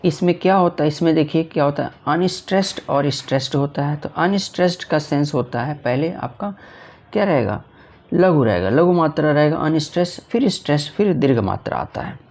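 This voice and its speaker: Gravelly male teacher, slow English lines. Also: on the high side, expressive, darkish tone. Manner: repetitive, asks and answers his own questions; reads English lines slowly then explains in Hindi. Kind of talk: exam-prep lesson.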